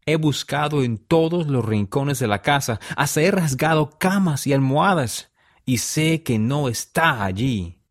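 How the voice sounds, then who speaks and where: Broken, ashamed man lamenting in an audio story, a bit higher than the narration, read by a male narrator. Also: breathy edge, no echo, studio quality. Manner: lamenting, slow and heavy.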